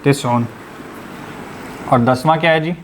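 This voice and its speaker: A man's voice: mid-range voice, measured pace, a little hiss or hum. A man teaching an online class, explaining step by step and quizzing his students with repeated questions. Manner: patient, methodical explaining.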